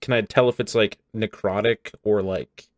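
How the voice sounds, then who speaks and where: Low-voiced male tabletop player. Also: steady tone, normal speed, no room sound. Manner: casual, hesitant, filler-heavy. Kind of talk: playing a tabletop game.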